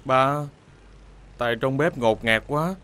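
An actor playing a young restaurant owner, a defensive lovesick son, with a Southern Vietnamese accent. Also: male voice, mid-range voice, slow pace, pushed and bright.

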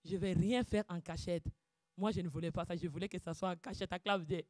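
A woman giving a fervent preaching testimony, breaking into loud shouted calls of praise and dropping to quiet, low asides. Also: fairly even intonation, a little fast, no echo, studio quality. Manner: drops to quiet, low asides between outbursts. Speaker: church speaker giving testimony.

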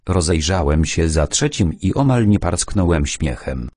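A man's voice: sits low, animated, a little slow, darkish tone, dry recording, clean studio sound. A man reading a novel aloud as an audiobook narrator, voicing the dialogue only by dropping his voice a little.

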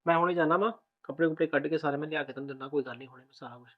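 An actor playing a new husband who rapidly reassures his bride that all is well. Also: fairly high pitch, steady tone, dull audio, natural voice. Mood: soothing. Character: young husband, reassuring and soothing. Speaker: groom. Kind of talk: village family drama acting.

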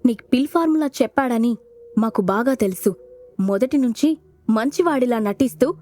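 A woman's voice: on the high side, expressive, moderate pace, dark tone, close to an everyday voice. A woman voicing an anxious, distrustful man who accuses others, in an audio storybook. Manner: flustered, accusing.

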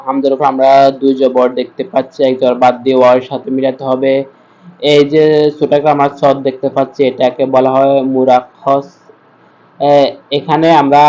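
Flat-voiced man teaching Quran reading. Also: mid-range voice, highs cut off. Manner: slow, drawn-out recitation between plain explanations. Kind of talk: spelling-out recitation lesson.

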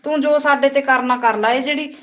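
A high-voiced woman with a Punjabi Malwa accent talks earnestly to her viewers on a live stream. She repeats her advice and keeps checking in with "right?". Her phone picks her up in an echoey room at home. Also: fairly even intonation, brisk. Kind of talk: casual motivational live stream.

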